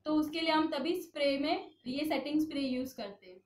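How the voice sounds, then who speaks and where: A woman's voice: sits high, a little fast. A woman makeup instructor giving an online class, explaining each step and checking in with her students. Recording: roomy echo, voice from a distance.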